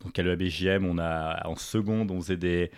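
Un jeune homme de Paris, invité d'un podcast, qui raconte son parcours sur un ton détendu, avec beaucoup d'hésitations et de reprises. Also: male voice, sits low, a little fast, clear, resonant tone, dry recording, studio quality. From Paris, France. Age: young adult. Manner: relaxed, full of fillers and restarts. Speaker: podcast guest, entrepreneur. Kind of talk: casual interview chat.

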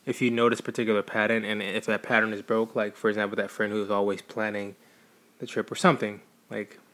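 A man's voice: on the low side, little pitch movement, fast talker, fairly bright tone. A young man co-hosting a casual podcast, rambling through personal examples with lots of filler words. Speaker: podcast co-host. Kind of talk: casual conversation.

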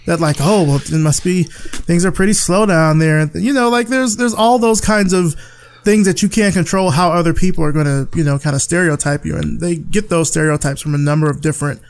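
Male podcast guest from rural Alabama, frank and reflective, higher voice. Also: brisk. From rural Alabama, USA. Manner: candid, thoughtful, frequent restarts. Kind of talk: casual conversation.

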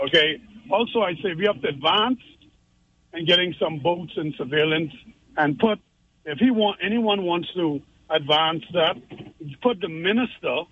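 A man's voice: fairly high pitch, phone-quality sound. A man, calling a radio show and making his points earnestly, with frequent repeats and tag questions like "all right?". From Turks and Caicos Islands. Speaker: radio caller. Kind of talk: call-in opinion.

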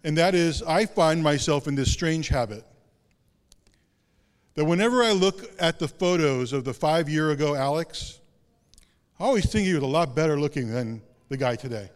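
A male pastor with a deep, animated voice delivers a sermon at normal speed, keeping it conversational and self-deprecating with casual asides. The recording carries a long hall reverb.

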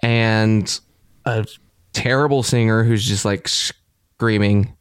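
A man with a fairly low voice co-hosts a casual podcast conversation. He speaks eagerly and keeps reaching for the right words. His voice is dry and close to the mic. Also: fairly even intonation, takes it slowly, smooth, no echo. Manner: enthusiastic, searching for words. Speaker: podcast co-host. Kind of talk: casual chat.

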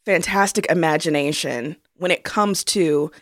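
A woman co-hosting a podcast, talking in an animated, opinionated and slangy way. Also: deep voice, measured pace, dry recording, studio quality. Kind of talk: casual chat.

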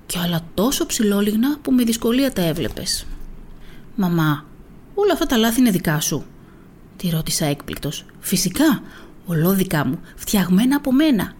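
A woman reads a children's picture book aloud, her voice lifting and dropping to act out the lines, sometimes sinking to a hushed whisper. Between passages she chats in a loose, friendly way, with small fillers. Her pitch sits in the middle for a woman. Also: pauses often, a little hiss or hum. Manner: expressive reading, voicing quotes with pitch lifts and whispers; casual, chatty comments with fillers after the reading. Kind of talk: storybook read-aloud.

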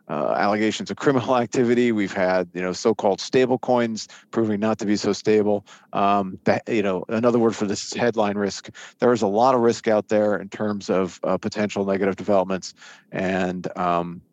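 A man speaking as an expert interview guest, giving conversational market analysis in a halting way, often repeating and restarting words as he thinks. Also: fairly low pitch, fairly even intonation, a little mellow, no room sound.

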